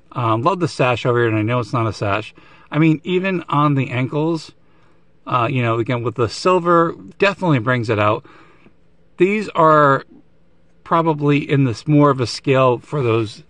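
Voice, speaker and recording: Guy chatting thru a toy review, lots of ums and restarts, medium voice, dry no-echo audio. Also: medium pitch. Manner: rambling, lots of fillers and self-corrections. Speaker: action figure reviewer.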